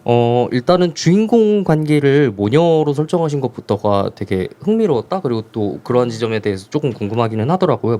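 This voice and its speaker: A man's voice: mid-range voice, darkish tone. A young man moderating a festival Q&A with directors, speaking formally and politely with frequent filler words. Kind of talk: formal hosted Q&A.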